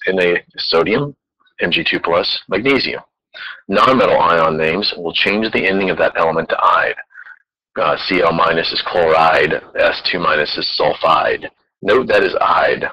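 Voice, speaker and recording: A man's voice: sits low, sharp tone, husky, muffled recording. A man teaching chemistry in a recorded lecture, explaining patiently step by step.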